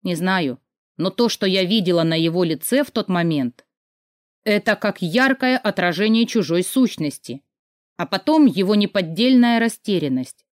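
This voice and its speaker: A woman narrating a novel in the first person in a steady, measured reading. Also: mid-range voice, no room sound, clean studio sound. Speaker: audiobook narrator.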